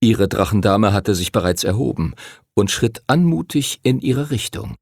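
Expressive male audiobook narrator. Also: fairly low pitch, moderate pace, gravelly, no room sound, clean studio sound. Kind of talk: scripted narration.

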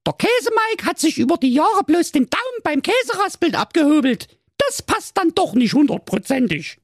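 A man's voice: extremely high pitch, very animated, normal speed, dry recording, clean studio sound, voice pushed up, exaggerated voice. A man voicing a prim, triumphant young girl detective in a fairy-tale parody, pompous and accusing. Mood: shrill triumphant.

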